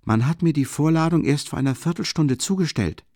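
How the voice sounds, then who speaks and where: A man's voice: a little high, a little fast, mellow, no room sound, clean studio sound, pitched above the performer's own voice, lightly acted. A man voicing a feverish, defiant young student. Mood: indignant. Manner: raised, indignant retorts.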